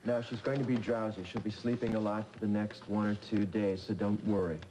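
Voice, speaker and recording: An actor playing a measured, reassuring doctor in 1980s TV soap acting. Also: male voice, on the low side, level tone, dark tone, lightly acted. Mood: calm. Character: calm reassuring male doctor. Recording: noisy old TV broadcast.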